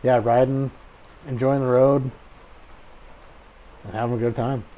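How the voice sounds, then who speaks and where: A man's voice: medium pitch, little pitch movement, measured pace, dull audio. An American man hosting a podcast in a casual chat, with an easygoing, folksy good ol' boy way of talking. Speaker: podcast host.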